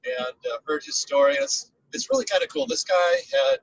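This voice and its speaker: A man's voice: very high-pitched, wildly swooping pitch, a little fast, no echo. A man in his sixties co-hosting a podcast from inside a car, his voice tinny and boxed-in as if in a tin can, talking in a rambling, hesitant way. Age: 60s. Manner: rambling, hesitant, trailing off mid-thought. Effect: tinny, boxed-in sound as if inside a tin can. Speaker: podcast co-host. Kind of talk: casual chat. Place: inside a rental car on the road. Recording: dull lo-fi remote line from a car.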